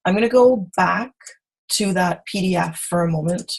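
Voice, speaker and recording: A woman teaching design software on a video call, chatty and self-correcting as she demonstrates. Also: fairly low pitch, moderate pace, slightly rough, rough recording. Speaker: software instructor. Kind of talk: screen-share tutorial.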